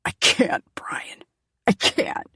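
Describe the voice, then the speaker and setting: A woman voicing a cornered middle-aged father who yells and refuses, then breaks down. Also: slow pace, no room sound, whispered, studio quality. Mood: desperate.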